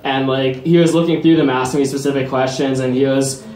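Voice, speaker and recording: A man doing a stand-up comedy set, talking in a halting, deadpan way full of "like" and "um" fillers. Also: mid-range voice, a little hiss or hum. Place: comedy venue. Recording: roomy live venue echo, faint ambience.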